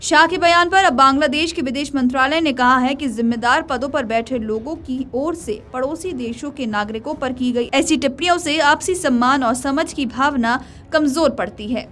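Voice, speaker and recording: A woman's voice: sits high, normal speed, a bit bright, a little hiss or hum. A woman reading a scripted news report as a video news presenter. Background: faint music.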